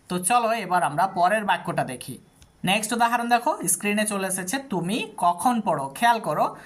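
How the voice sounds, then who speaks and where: A patient tutor giving a scripted English lesson, building each sentence step by step and saying the examples slowly. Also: medium pitch, a bit bright. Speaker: English teacher.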